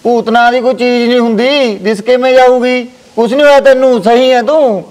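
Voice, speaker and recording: A man's voice: extremely high pitch, fairly even intonation, fairly quick, darkish tone. A man playing a sly, fraudulent village holy man who soothes and placates everyone, speaking with a Malwai Punjabi accent. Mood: reassuring. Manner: soothing, placating, calls others child. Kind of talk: village family drama acting.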